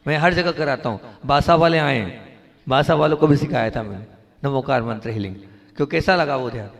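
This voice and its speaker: A man's voice: mid-range voice, vocal fry, in a large hall. A man, a Jain monk, giving a devotional sermon and pronunciation lesson to an audience, asking them questions as he teaches. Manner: instructive, repeatedly asks the audience questions; drawn-out sung chanting of mantra syllables.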